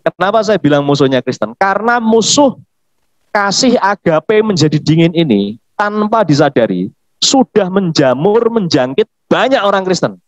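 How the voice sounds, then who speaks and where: Animated high-voiced man preaching in chat. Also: moderate pace, no room sound. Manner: animated, emphatic, laughs often. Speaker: pastor. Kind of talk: casual podcast chat. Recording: dull, lo-fi podcast audio.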